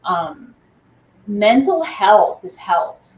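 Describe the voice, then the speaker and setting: A woman's voice: medium pitch, sing-song, drawn-out words. A woman school nurse on a podcast, speaking thoughtfully with hesitations and repeated words. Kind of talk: casual interview chat. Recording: echoey, distant mic with faint room noise.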